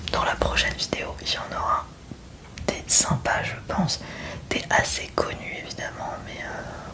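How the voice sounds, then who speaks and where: A young woman whispering casual ASMR chat into a close microphone while doing her makeup at home, chatty and self-mocking. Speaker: ASMR creator.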